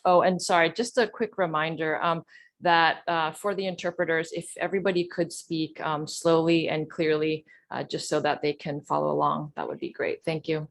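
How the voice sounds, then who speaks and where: A woman moderating an online meeting informally, with halting, hesitant phrasing as she introduces and thanks speakers. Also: low voice, steady tone, creaky.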